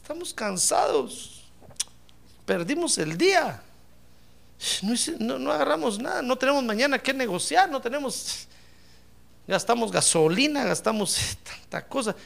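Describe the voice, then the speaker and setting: A man's voice: very high-pitched, big pitch swings, measured pace, vocal fry, long pauses, a bit bright, exaggerated voice. A preacher putting on a weary, pleading fisherman. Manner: pleading, tired complaint. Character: weary grown male fisherman, complaining.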